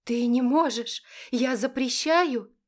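A woman voicing a furious, scornful, domineering older mother who shrieks and spits venomous insults. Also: slow. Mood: shrieking. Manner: shrill, venomous, shouting.

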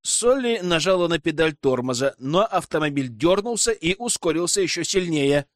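Man narrating a story, lively pitch, a bit higher voice, dry close sound. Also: moderate pace, dry recording. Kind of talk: audiobook narration.

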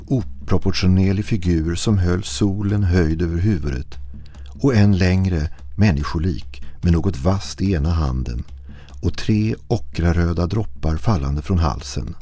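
A man narrating a listener's horror story in a slow, hushed, brooding manner. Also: sits low.

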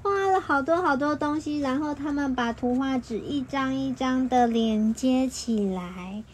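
High-voiced woman reading a storybook slowly. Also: a little hiss or hum. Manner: slow, lilting, expressive read-aloud voice. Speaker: parent reading aloud to a child.

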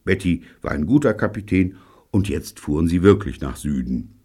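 A man reading a children's novel aloud as an audiobook narrator, with dry, wry storytelling and lively voiced dialogue. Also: low-pitched, normal speed, breathy edge.

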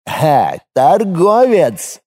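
A man's voice: high-pitched, very animated, normal speed, warm tone, voice pushed up. A man voicing a nasal, boastful thug who brags and cackles in an audiobook. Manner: cackling, bragging, cheeky. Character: nasal boastful male thug trader, giggly. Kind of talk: audiobook character voice.

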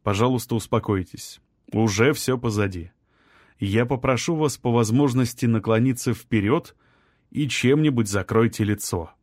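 A man voicing a composed lawyer who gives calm, firm instructions during a rescue. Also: mid-range voice, normal speed, no room sound, studio quality, lightly acted.

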